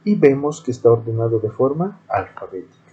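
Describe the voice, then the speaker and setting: A man's voice: medium pitch, big pitch swings, brisk, mellow, highs cut off. A male teacher giving a screen-recorded programming lesson, explaining methodically step by step.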